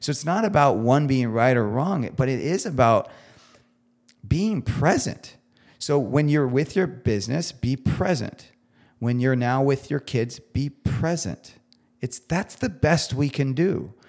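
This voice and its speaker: A man with a gravelly, fry-tinged voice speaks as a podcast guest. His pitch sits in a middle range, and he talks earnestly and emphatically in relaxed conversation. He sounds heartfelt, close to tearing up at moments. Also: measured pace. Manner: heartfelt, gets teary. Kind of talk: casual conversational interview.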